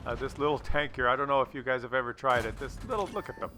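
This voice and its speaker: A man's voice: medium pitch, quick pace, sharp tone, slight background noise. A man giving casual commentary on a game replay, with a jokey, crude sense of humour and a habit of repeating his phrases. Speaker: host of gameplay commentary video.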